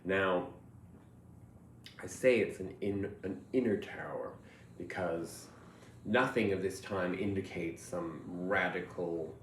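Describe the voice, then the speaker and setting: A man giving a reflective tarot reading, musing and meandering, often trailing off softly. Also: sits low, slow pace, a little hiss or hum. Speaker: tarot reader. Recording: roomy echo, faint ambience.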